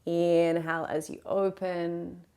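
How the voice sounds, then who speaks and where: Gentle lower-voiced woman guiding yoga. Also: little pitch movement, clean tone. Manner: gentle, encouraging, unhurried cueing of breath and movement. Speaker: yoga teacher. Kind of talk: guided yoga class instruction.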